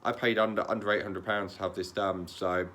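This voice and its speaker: A man talking in a casual, candid vlog, calm and matter-of-fact, often repeating words and restarting sentences. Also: low voice, a little fast, a little hiss or hum. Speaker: vlogger.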